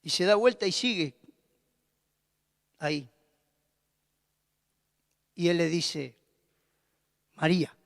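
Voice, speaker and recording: A man preaching a sermon, emphatic and repetitive, swinging from loud exclamations to hushed tones. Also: fairly high pitch, expressive, slow pace, creaky, long pauses. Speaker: pastor. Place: church hall. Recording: long hall reverb.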